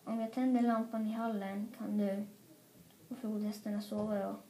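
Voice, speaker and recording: A woman's voice: mid-range voice, level tone, mellow, slight background noise, natural voice. A woman voicing a playful big-brother boy. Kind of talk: storybook reading. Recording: roomy echo.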